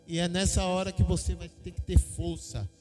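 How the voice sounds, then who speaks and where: A middle-aged Brazilian man preaching a sermon, telling a personal story and acting out the dialogue with lively energy. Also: sits high, normal speed, faint music behind. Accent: Brazilian Portuguese. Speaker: pastor.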